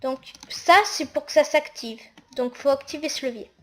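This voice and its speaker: A woman's voice: high-pitched, moderate pace. A woman talking through a casual game tutorial while she builds, hesitant and full of fillers. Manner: hesitant, narrates actions with fillers.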